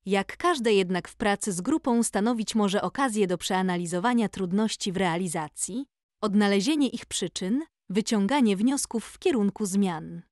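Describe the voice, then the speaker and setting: A woman reading instructions for group exercises in a calm, measured scripted narration. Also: medium pitch, no room sound, clean studio sound. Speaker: narrator of a training video.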